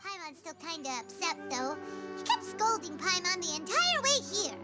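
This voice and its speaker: Squeaky pint-sized fairy sidekick for a game, bossy and excitable, swooping high and animated. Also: female voice, moderate pace, music in the background. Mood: chatty. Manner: refers to herself in third person, squeaky and whiny. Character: tiny floating fairy-like girl companion, excitable and bossy. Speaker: game companion character. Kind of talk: video game voice acting.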